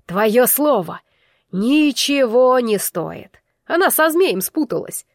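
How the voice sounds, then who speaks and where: A woman voicing a spiteful young bull-man who shouts and sneers. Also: a little high, very animated, takes it slowly, no room sound, clean studio sound, exaggerated voice. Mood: angry.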